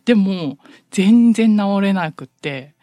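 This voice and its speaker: A woman chatting casually as a podcast co-host, telling animated stories and laughing often. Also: mid-range voice, slow pace, no room sound. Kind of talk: casual chat.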